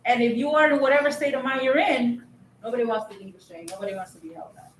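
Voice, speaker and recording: A woman's voice: fairly high pitch, quick pace. Counselor woman in an echoey room. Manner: guiding, asks reflective questions. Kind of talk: group counseling. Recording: echoey room, faint noise.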